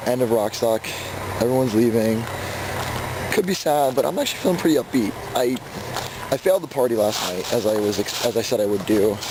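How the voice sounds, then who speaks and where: A man vlogging in casual chat with a hoarse voice, talking excitedly and swearing freely. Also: medium pitch, brisk, background noise. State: hoarse from screaming.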